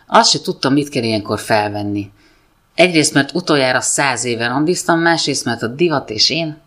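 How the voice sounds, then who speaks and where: A woman's voice: a bass voice, a bit bright. A woman reading her own humorous first-person story aloud, with a dry, wry comic delivery.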